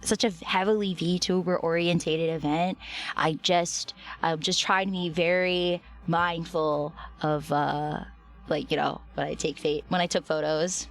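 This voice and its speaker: A woman's voice: sits low, fairly even intonation, measured pace. A woman livestreamer chatting casually and affectionately with her viewers, her voice slightly strained and recovering.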